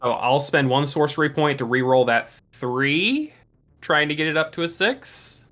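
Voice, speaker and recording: A man playing a tabletop role-playing game, calmly talking through his character's moves step by step. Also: a little high, moderate pace. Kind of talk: casual tabletop game talk.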